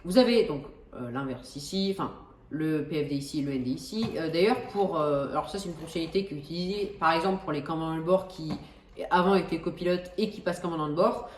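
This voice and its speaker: A woman's voice: deep voice, fast, reverberant, distant mic, slight background noise. A woman hosting a flight simulator tutorial, talking casually with lots of hesitations and restarts and joking at herself. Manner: chatty, many hesitations and restarts, self-joking.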